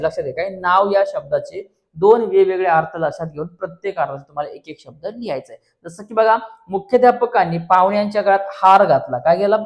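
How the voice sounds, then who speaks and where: A man teacher with a Marathi accent explaining an exam paper step by step, repeatedly asking and answering his own questions. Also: high voice. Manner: repeats questions back, addresses friends.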